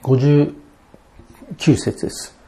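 Steady and explanatory, a male pastor reads verses of scripture aloud before unpacking their meaning. His ordinary-pitched voice carries a soft, mellow warmth with a gravelly edge.

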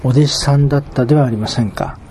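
A humble, repentant old sinner pleads earnestly and politely at the gates of heaven, as a preacher reads him. The voice is mellow and soft-toned, with a faint hiss behind it. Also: male voice, medium pitch, quick pace, natural voice. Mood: pleading.

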